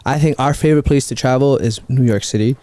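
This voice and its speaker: A man's voice: mid-range voice, fast, warm tone. A young man from Minnesota with an American accent, chatting casually and enthusiastically as a podcast guest, using plenty of slang. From Minnesota, United States. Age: young adult. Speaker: guest, filmmaker and actor.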